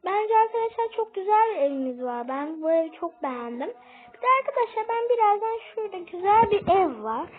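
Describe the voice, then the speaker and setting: A young woman chatting excitedly to viewers while playing a game, calling them friends and asking for likes. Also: very high voice, brisk. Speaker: gaming video host. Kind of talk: casual gameplay vlog. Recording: tinny phone-like sound.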